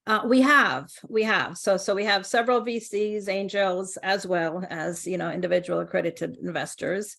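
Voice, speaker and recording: A middle-aged Jamaican-accented woman, a co-founder appearing as a guest in a casual interview, speaks in a steady mid-range voice at normal speed. Her tone is creaky and a bit bright, with hardly any pauses, and she laughs often and restarts her sentences.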